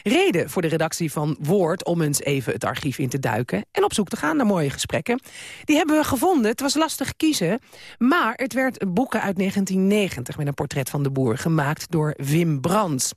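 A woman's voice: lowish voice, very animated, moderate pace, no room sound, clean studio sound. Woman hosting a radio programme. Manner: light, wry asides. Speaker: radio host. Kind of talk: scripted radio presenting.

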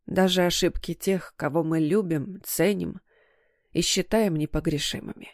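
Woman voicing a gentle, worried mother. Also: lowish voice, normal speed, no room sound, clean studio sound, close to an everyday voice. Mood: soothing. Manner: soft, soothing. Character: gentle worried mother, soothing her daughter.

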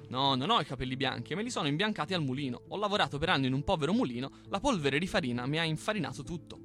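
A man's voice: lively intonation, very fast, soft background music. A man reading a folk tale aloud, putting on the raised, pleading voice of a stubborn boastful old man. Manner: loud, pleading, high-pitched put-on.

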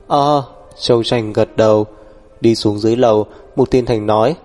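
A man narrating a novel in an even, unhurried storytelling voice. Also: on the low side. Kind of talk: audiobook novel reading.

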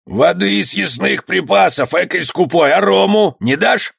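A man voicing a gruff, threatening one-eyed male pirate in a read-aloud story. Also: sits high, animated, unhurried, a bit bright, dry recording, clean studio sound, voice pushed up, exaggerated voice. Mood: menacing. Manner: threatening, sneering.

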